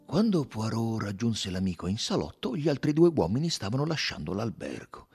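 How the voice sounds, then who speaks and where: A man narrating an audiobook with expressive, sweeping intonation. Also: on the low side, normal speed, music in the background. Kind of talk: scripted narration.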